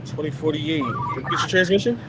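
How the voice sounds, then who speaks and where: A man dispatches trains over a two-way radio. He talks quickly in a slightly high voice, and the transmission is buried in very loud noise.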